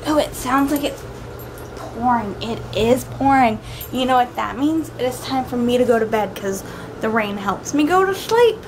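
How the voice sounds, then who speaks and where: Young female vlogger, slightly high voice, informal rambling chat, recorded at home with background noise. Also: lively intonation. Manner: informal, drawn-out asides with frequent "like" and "kinda". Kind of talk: casual daily vlog chat. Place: at home, indoors.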